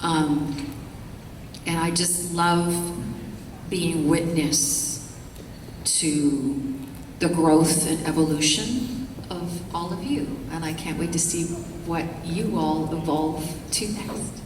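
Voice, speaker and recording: A woman's voice: sits low, slow. Middle-aged woman, gushing panel guest, heard from afar in a big echoey hall with crowd noise. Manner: gushing, animated. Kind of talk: panel answer. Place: large convention hall. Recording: echoey hall, distant mic, noisy.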